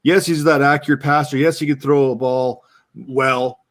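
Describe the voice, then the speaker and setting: A man's voice: medium pitch, normal speed. A man co-hosting a live football show, talking casually and joking with a straight face; he has a young kid. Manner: joking, deadpan. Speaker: podcast co-host. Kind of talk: casual sports chat.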